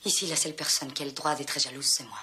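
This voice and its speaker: An actress playing an outspoken grown daughter and jealous wife, candid and teasing, in dubbed film dialogue. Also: female voice, very deep voice, quick pace, sharp tone, slight background noise. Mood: defiant. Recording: film soundtrack with clear music behind.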